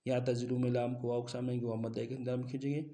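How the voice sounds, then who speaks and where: A man's voice: medium pitch, monotone, mellow. A man teaching Quran recitation, rattling off pronunciation rules one after another in a step-by-step lesson. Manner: rapid, instructive, drilling rules one by one. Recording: roomy echo.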